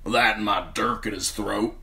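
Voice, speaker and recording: A cocky mercenary swordsman, as a man puts him on, blunt and insolent. The voice sits higher and louder than the reader's own, with a bright, hard-edged sound. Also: fairly even intonation, moderate pace, vocal fry. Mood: mocking. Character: tough, insolent male sellsword, blunt.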